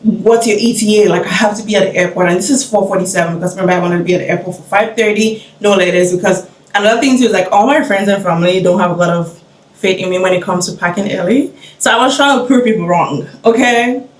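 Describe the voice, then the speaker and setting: A young woman vlogger excitedly retelling a travel mishap in a casual, dramatic storytelling way. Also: medium pitch, fast talker. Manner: animated, dramatic retelling with frequent "okay?" asides. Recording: roomy sound, mic at a distance.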